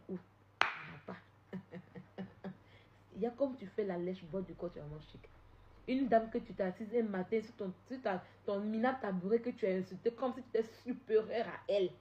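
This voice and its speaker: Woman ranting on a lo-fi live stream. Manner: confrontational, repetitive, swings from loud outbursts to low scolding. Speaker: social media live streamer. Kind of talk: heated live-stream rant.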